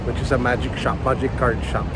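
Speaking briskly at a medium, level pitch, a Filipino-accented man in his thirties vlogs his travels with playful, informal chatter in Tagalog and English. Heavy background noise surrounds him. He records on a handheld camera or phone at arm's length while moving between hotel rooms, malls, streets and restaurants.

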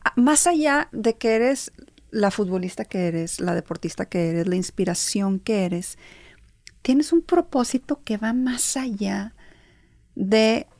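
A woman's voice: medium pitch, expressive, slow, vocal fry, no room sound. Affirming woman interview host. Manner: warm affirming, sums up at length.

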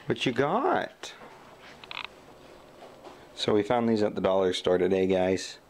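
A man's voice: lowish voice, animated, slow pace, a little hiss or hum. A man in his thirties chatting and joking into a handheld camera in a cluttered living room at home. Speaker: family vlogger. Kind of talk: casual home vlog.

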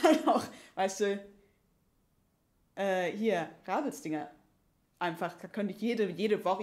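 Using a stand mic on a small, dark stage with curtains, a woman voices a laid-back lumberjack unsure about taking a job offer in an improvised audio play. Her medium-pitched delivery is lightly acted, with halting, colloquial chat that trails away.

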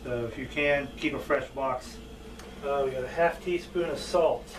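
A man in his thirties hosting a cooking show as a chef, talking casually and plainly in a halting, informal way. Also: mid-range voice. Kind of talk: casual instructional vlog talk. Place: indoors at home, table and kitchen. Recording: distant mic with background noise.

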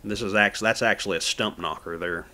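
Male outdoor host, slightly low voice, casual folksy how-to voice-over. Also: fast, pushed and bright. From Florida, USA. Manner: plain, folksy how-to explaining with fillers. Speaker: fishing channel host. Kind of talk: voice-over narration of outdoor fishing footage.

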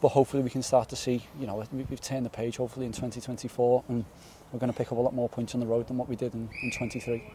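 A young man in his twenties, a footballer giving a post-match interview outdoors on a floodlit pitch at night, earnest and repeating words as he thinks. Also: level tone, rapid-fire, few pauses, dark tone, slight background noise. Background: faint outdoor stadium ambience.

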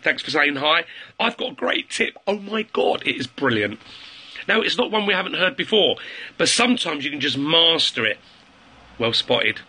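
A man chats through a phone livestream, greeting viewers and driving home his sales tips with repeated phrases. His voice is bright and husky, and it rises and falls a lot as he talks. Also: on the high side, animated, normal speed. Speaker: network marketing livestreamer.

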